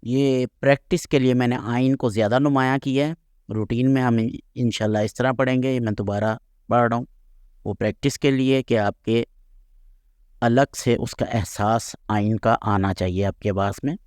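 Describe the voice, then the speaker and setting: A man's voice: mid-range voice, steady tone, darkish tone, clear, resonant tone, no room sound, clean studio sound. A man teaching Quran recitation rules, patiently explaining and repeating sounds aloud to demonstrate them.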